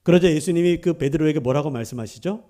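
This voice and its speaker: A man's voice: on the high side, fast talker, mellow. A man preaching a sermon as pastor, emphatic and full of rhetorical questions to the congregation. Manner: acts out quoted speech within the preaching.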